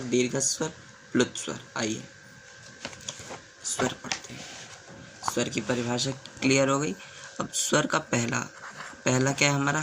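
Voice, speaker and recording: A man teaching the alphabet in a slow classroom way. He repeats sounds, asks the class questions and writes on a board as he goes. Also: mid-range voice, a bit bright, a little hiss or hum. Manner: stops to write on a board while talking. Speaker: Hindi teacher.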